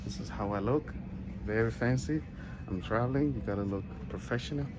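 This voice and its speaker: Man vlogging casually amid clear background noise. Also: on the low side, fairly quick. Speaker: travel vlogger. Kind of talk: casual walking vlog narration. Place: large indoor airport terminal. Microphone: phone held at arm's length. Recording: noisy airport terminal ambience. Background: clear terminal ambience noise.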